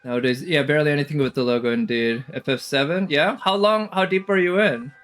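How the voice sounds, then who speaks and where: A woman streamer reacts casually to a game trailer, speculating and thinking aloud as ideas arrive, with the trailer's music playing behind her voice. Her voice sits low and she talks at a quick pace.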